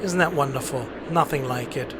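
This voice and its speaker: A man's voice: mid-range voice, normal speed. A man hosting a casual live game stream, commentating and giving instructions as an air traffic controller.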